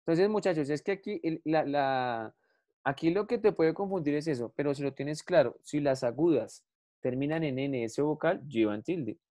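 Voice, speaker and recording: A woman's voice: low voice, lively intonation, moderate pace, dark tone. A woman teacher, patiently explaining a grammar lesson to her students and calling them affectionate names. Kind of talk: classroom lesson on Spanish grammar.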